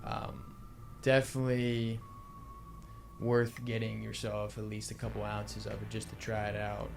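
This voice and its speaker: A man's voice: fairly low pitch, completely flat delivery, a little slow, vocal fry. A man chatting casually as a pipe tobacco reviewer, hesitating and correcting himself as he goes. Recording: music playing behind.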